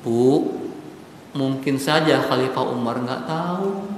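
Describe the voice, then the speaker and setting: A man voicing an honest young daughter who speaks quietly and earnestly, gently holding firm. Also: mid-range voice, animated, slow pace, a little hiss or hum, pitched below the performer's own voice. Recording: echoey hall reverb.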